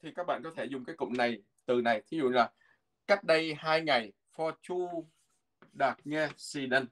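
A man's voice: on the high side, a bit bright. Patient man teaching pronunciation. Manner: patient, repeats pronunciations slowly. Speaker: language teacher. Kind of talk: explaining a textbook lesson.

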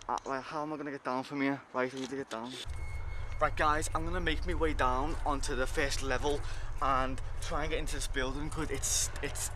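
Young guy hyped up exploring, camera at arm's length outside, lots of background noise. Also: mid-range voice. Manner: excited, keeps addressing viewers as guys. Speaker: urban explorer vlogger. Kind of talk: handheld exploring vlog. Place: outdoors around derelict buildings and a garage. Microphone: camera held at arm's length.

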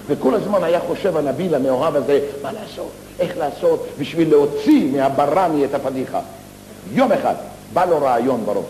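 A man telling comic stories on stage, in a lively theatrical monologue full of slangy asides. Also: on the high side, slight background noise. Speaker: stage comedian. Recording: echoey live theater hall recording.

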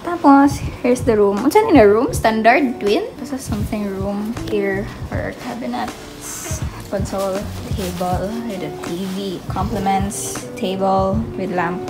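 A woman's voice: medium pitch, measured pace, hardly any pauses, loud music behind the voice. A young woman with a Filipino accent vlogging casually on a trip, sounding sleepy and worn out as she switches between languages, filmed on a phone held at arm's length. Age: young adult. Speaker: travel vlogger. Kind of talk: casual vlog chat. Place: museum, mall and hotel room, indoors and out.

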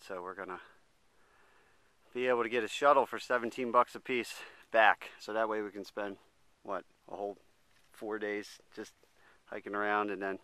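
A man's voice: fairly low pitch, sharp tone, no echo. A young man narrating a hiking trip outdoors in an easygoing, joking way into a handheld camera. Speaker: hiker filming a trip. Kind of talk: casual vlog narration. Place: outdoors on a mountain trail.

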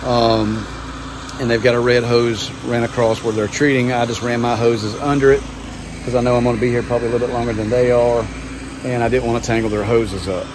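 Filming himself on a phone at arm's length under the covered patio of a big house, a man chats easily about his pressure washing work, full of "um"s and "man"s. His mid-range voice stays level and fairly quick. Pump engine and vehicle sounds bleed into the outdoor phone recording.

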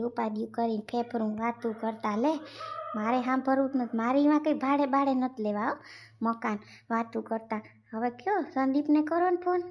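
A weary old mother in a cartoon, scolding and grumbling, voiced by a woman. Her voice sits fairly high, and she complains without letup. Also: darkish tone, natural voice. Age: older. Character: elderly grumbling mother, worn out by housework. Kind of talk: cartoon family drama.

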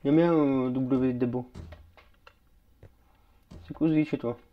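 A man's voice: mid-range voice, slow pace, phone-quality sound. A man streaming a game live, chatting casually with other players as he plays. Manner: relaxed, chatty, talks to other players and chat. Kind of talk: casual live-stream chat while playing.

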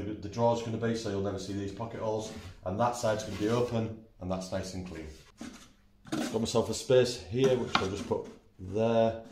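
A man with a low, somewhat dark voice hosts a woodworking channel, chatting as he builds furniture in a big indoor workshop. He explains every step while gently mocking himself, and there's roomy echo with faint background noise.

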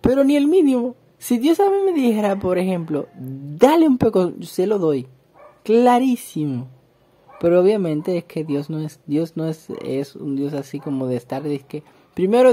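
A man reads a psalm aloud, then comments on it in an emphatic manner with animated asides, repeating words for stress. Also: sits high, moderate pace. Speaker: Bible reader and preacher. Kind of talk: scripture reading with sermon commentary.

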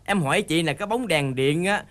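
An actor playing a sly, scheming male friend in a stage comedy, talking in fast, wheedling patter. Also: a little high, lively intonation. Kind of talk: stage comedy skit acting. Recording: loud backing music on stage.

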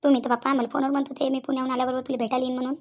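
An angry young fiancée, voiced by a woman, speaks very fast in a high voice with a Vidarbha Marathi accent. She fires accusing questions and repeats them over and over. A cartoon role. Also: level tone, a little mellow, lightly acted. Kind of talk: cartoon voice acting.

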